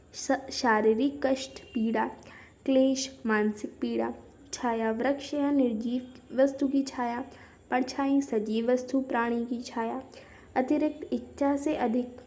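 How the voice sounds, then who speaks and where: A woman's voice: a little high, warm tone. A woman teacher reading word pairs with their meanings and explaining them with simple example sentences. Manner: explains each word, then gives everyday example sentences. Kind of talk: Hindi grammar lesson, reading word lists.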